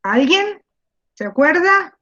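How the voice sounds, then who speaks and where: A woman's voice: very high voice, very animated, slow, sharp tone. A woman teacher with an Argentine Spanish accent giving an online class, asking questions and repeating key words. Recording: dull lo-fi video call audio.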